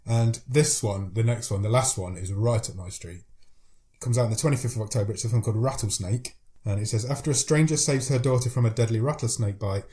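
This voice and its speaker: A man with a cold co-hosts a podcast, running through news in a casual chat and laughing often. His mid-range voice has a dark tone, and he talks at a quick pace.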